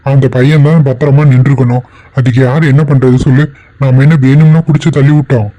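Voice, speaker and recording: A man's voice: medium pitch, steady tone, fairly quick, warm tone, natural voice, low-quality recording. An actor playing a callous man who brushes off a young woman with curt, dismissive talk. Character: callous man leaving an injured stranger.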